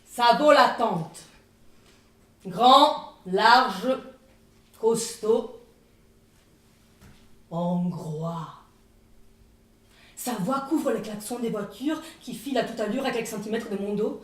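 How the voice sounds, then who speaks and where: This stage actress from northern Italy, Italian accent and all, takes her one-woman show slowly, leaving long pauses in a voice pitched a little high. The monologue is comic, dramatic, and first-person, and she delivers it with expressive flair. The recording comes from far off in a room full of echo.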